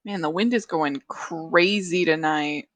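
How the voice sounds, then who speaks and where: A woman's voice: low-pitched, a bit bright, dry recording. A woman chatting casually on a stream, telling playful stories and joking along. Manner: playful storyteller, quick to joke. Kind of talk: casual chat.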